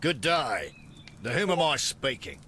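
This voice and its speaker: A pompous, bright-voiced businessman. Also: medium pitch, big pitch swings, a little slow, slight background noise. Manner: pompous, self-important. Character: pompous self-important male businessman and inventor.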